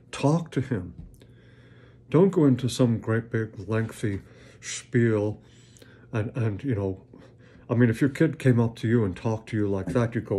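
A man's voice: lowish voice, mellow, breathy edge. A man hosting a Bible reading, giving earnest, plain-spoken devotional commentary and reading scripture aloud.

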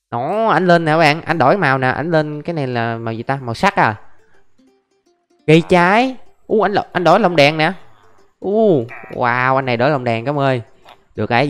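A young man chatting casually through his gameplay, narrating every step and calling out to his viewers. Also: medium pitch. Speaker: gaming YouTuber. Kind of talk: casual Let's Play commentary. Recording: faint background music.

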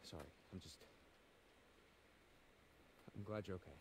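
A man's voice: sits low, steady tone, a little slow, noisy background. An actor playing a nervous young man in a video game, stammering with sarcastic asides. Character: jittery, relieved young man on the run.

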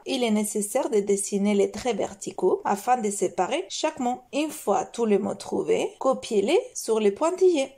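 A woman teacher with a French accent reading a phonics lesson, drilling syllables slowly and carefully. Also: fairly high pitch, dark tone, husky.

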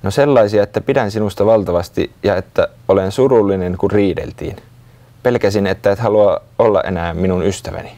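A man voicing gentle worried little Molli. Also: lowish voice, natural voice. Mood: earnest. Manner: sighing, hesitant, earnest. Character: small worried sulky child-like creature Molli.

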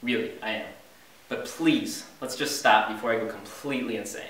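A man's voice: lowish voice, moderate pace, a bit bright, lightly acted. A young man playing a bewildered, exasperated straight man with sitcom delivery. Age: young adult. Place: living room of a house. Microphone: camera mic across the room. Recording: very echoey house, distant mic, faint noise.

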